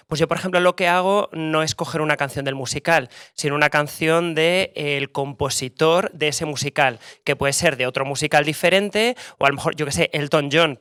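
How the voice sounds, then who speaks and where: A man's voice: fairly high pitch, a bit bright, clear, resonant tone, dry recording, studio quality. A man, a musical theatre actor, giving practical casting advice to students in a casual way. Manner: practical, casual, with tag questions. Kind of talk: panel talk to students.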